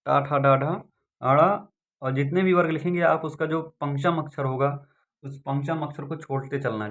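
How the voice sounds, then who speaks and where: A man's voice: medium pitch, a bit bright, muffled recording. A man teaching an exam-prep lesson, repeating points and asking and answering his own questions. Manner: repetitive, drilling, asks and answers own questions.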